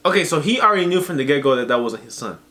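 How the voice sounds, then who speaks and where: Bright-voiced man tossing in jokes. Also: on the high side, very animated. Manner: quick joking interjections and reactions. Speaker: podcast co-host. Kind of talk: casual podcast banter.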